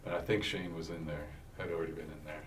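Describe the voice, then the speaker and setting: A man answering questions as a witness, halting and unsure, often restarting his sentences. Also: very deep voice, little pitch movement. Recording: distant mic with faint noise.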